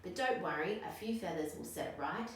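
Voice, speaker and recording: A woman voicing a graceful female emu in a storybook, fluttery and sighing, gently condescending. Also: on the low side, lively intonation, a little fast, lightly acted. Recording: very echoey room, distant mic, noisy.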